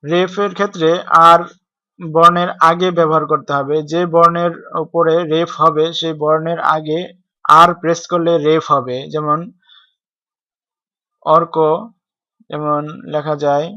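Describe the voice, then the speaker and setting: A man's voice: fairly high pitch, flat delivery, unhurried, pauses often, bright, forceful tone, no echo. A man gives a screen-recorded typing tutorial, explaining step by step and spelling out keys letter by letter. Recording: dry, dull lo-fi home recording.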